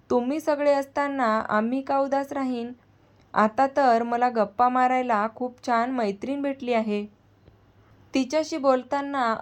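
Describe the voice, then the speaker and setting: A wise, gentle middle-aged aunt who comforts and firmly corrects her nephew, as a woman storyteller plays her. Her slightly high voice stays soft and patient. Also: lightly acted.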